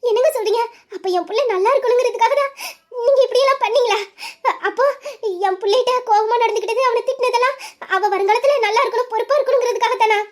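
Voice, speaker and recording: A woman's voice: extremely high pitch, fast. A woman voicing a middle-aged mother who pleads in tears and speaks deferentially to her husband. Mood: astonished. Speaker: wife and mother Lakshmi. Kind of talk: audio drama acting.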